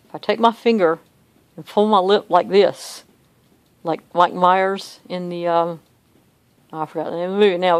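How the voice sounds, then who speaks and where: A woman's voice: on the low side, smooth. An older woman talks in a chatty, upbeat, self-joking way in a casual personal video diary. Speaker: vlogger.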